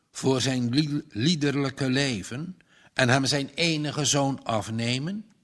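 A man narrating a story aloud in a deliberate manner, with the occasional stumble. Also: medium pitch. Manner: slow, deliberate, with small stumbles.

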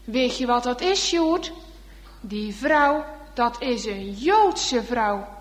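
Woman voicing a gentle caring mother. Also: on the high side, animated, takes it slowly, pitched below the performer's own voice. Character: calm caring wartime mother. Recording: echoey hall reverb.

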